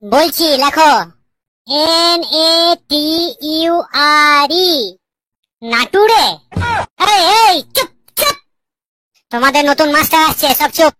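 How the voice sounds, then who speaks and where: A high, bright cartoon schoolteacher woman. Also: slow pace, long pauses, dry recording, full character voice. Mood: scolding. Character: bumbling woman English teacher.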